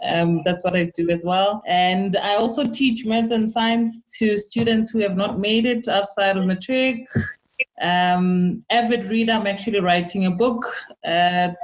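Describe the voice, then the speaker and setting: A woman's voice: mid-range voice, rough recording. A woman from South Africa joins the chat as a guest. She speaks candidly and reflectively, in a casual conversational way. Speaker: guest, quantity surveyor.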